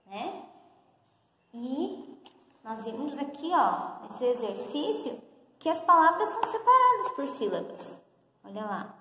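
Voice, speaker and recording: A young schoolteacher from São Paulo state speaks in a high voice at an unhurried pace, walking small children through a lesson with questions. She is recorded in a bare classroom with strong echo and a long reverb tail, with faint noise under her. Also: fairly bright tone. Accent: Brazilian Portuguese, São Paulo state. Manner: slow, patient, explaining step by step with questions. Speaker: first-grade teacher.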